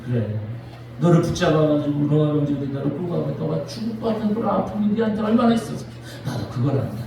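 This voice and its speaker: A man voicing a gentle male teacher who forgives and comforts a disciple, speaking softly and slowly. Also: on the high side, animated, gravelly, noisy background, pitched below the performer's own voice. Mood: tender. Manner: soft, slow, tender. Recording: echoey church from a distant mic.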